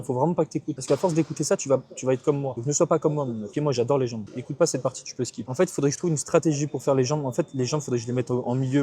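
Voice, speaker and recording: A man's voice: medium pitch, dark tone. A young man in his twenties, a fitness coach vlogging casually from the gym, joking and teasing himself while talking straight to the viewer. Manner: joking, self-mocking, talks straight to viewer. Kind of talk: casual gym vlog talk.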